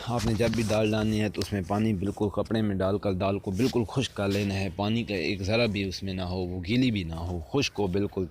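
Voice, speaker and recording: Low-voiced man giving bird-care tips. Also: darkish tone, slight background noise. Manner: repeats and rephrases points, addresses viewers as friends. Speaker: partridge-keeping advice host. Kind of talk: spoken instructional tips.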